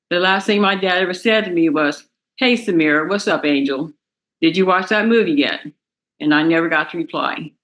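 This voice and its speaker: A young woman, the victim's daughter, reading a prepared impact statement aloud in a courtroom, emotional and halting, stumbling and restarting words. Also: on the low side, fairly bright tone, poor audio. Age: young adult.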